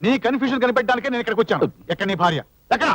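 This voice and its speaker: A man's voice: very high voice, expressive, very fast, very noisy. An actor playing an irate boss who scolds and mocks his employee sarcastically in a comic film scene. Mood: scolding.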